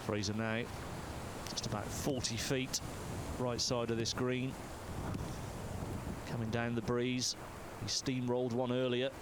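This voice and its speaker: A man's voice: mid-range voice, level tone, unhurried. A man giving live golf commentary as a commentator out on a windy course. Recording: loud wind noise on microphone. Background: strong outdoor wind.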